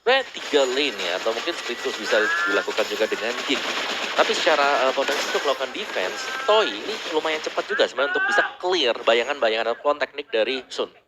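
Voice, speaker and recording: A man's voice: medium pitch, animated, fast talker, heavy background noise. An Indonesian man giving analytical esports commentary, mixing English gaming terms into his explanations.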